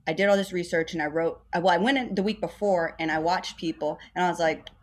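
A woman's voice: lowish voice, quick pace. Chatty self-deprecating woman comedian. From Texas. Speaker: stand-up comedian. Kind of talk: casual storytelling interview.

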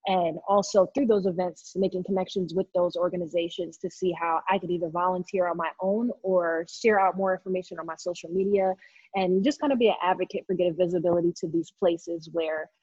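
A woman in her thirties from New York City, a guest in an interview, talking loudly and passionately about herself. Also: on the low side, steady tone, brisk, husky, dry recording, dull audio. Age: 30s. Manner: loud, outspoken, passionate. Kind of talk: casual interview talk.

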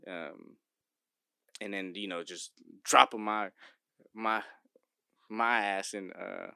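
A man's voice: sits low, fairly even intonation, slow, vocal fry, pushed and bright, smooth, dry recording, studio quality. A young American man chatting casually and in slang, often restarting his sentences. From Cleveland, Ohio, United States. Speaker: host recording the call. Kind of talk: casual chat.

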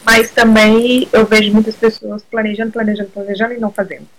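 A woman's voice: fairly high pitch, little pitch movement, fast, rough recording. Hesitant Brazilian woman guest. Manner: hesitant, many restarts, mixing in English words. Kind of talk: casual interview.

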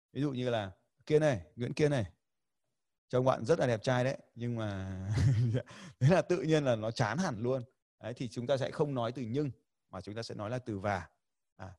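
A man's voice: mid-range voice, darkish tone, dry recording, clean studio sound. A man teaching a livestreamed lesson, chatty and demonstrative, acting out example lines and laughing often. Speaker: communication skills teacher. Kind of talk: livestreamed lesson addressing viewers.

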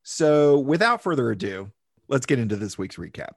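A man's voice: mid-range voice, big pitch swings, moderate pace, gravelly, heavy background noise. A man hosting a podcast, chatting casually and recapping an episode in a loose, jokey way. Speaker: podcast host.

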